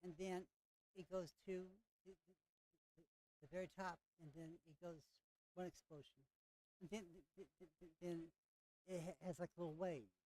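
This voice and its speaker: A game master narrating a tabletop role-playing game at a moderate pitch, restarting phrases again and again as the scene unfolds. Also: fairly even intonation, normal speed, long pauses, a little mellow, no room sound, low-quality recording. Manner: stammering, many repeated words.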